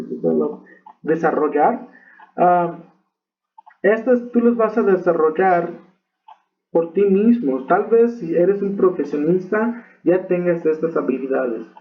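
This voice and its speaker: A man teaching English pronunciation in a recorded lesson, explaining patiently and checking in with "ok?". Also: fairly high pitch. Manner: slow, patient explaining with frequent "ok?" check-ins. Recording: tinny phone-like audio.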